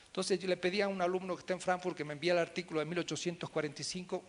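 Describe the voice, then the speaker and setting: Male lecturer, high-pitched voice, emphatic delivery, speaks directly to the class, lecture room. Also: racing. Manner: animated, emphatic, with sudden loud stresses and quiet asides. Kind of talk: philosophy lecture.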